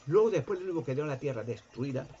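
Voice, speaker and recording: A man giving an impassioned religious monologue, animated, acting out voices and sounds. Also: fast. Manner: animated, jumps in pitch to act out voices and sounds. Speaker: video presenter. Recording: dull lo-fi recording.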